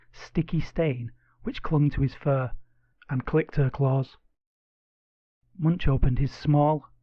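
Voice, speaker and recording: A man's voice: on the high side, no echo, highs cut off. Man narrating a children's storybook. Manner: expressive, playful storytelling. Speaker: audiobook narrator.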